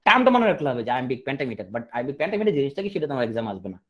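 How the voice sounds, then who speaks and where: Lively joking Bangladeshi man teaching. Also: medium pitch, racing, muffled recording. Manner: lively, joking asides to students. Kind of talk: coaching class lecture.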